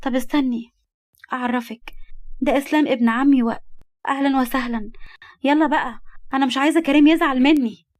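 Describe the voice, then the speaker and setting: A woman's voice: high voice, steady tone, fast, pauses often, no echo, studio quality, voice pushed up, close to an everyday voice. A woman with an Egyptian accent voicing a timid, hurt young wife who talks pleadingly. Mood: gentle. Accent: Egyptian Arabic.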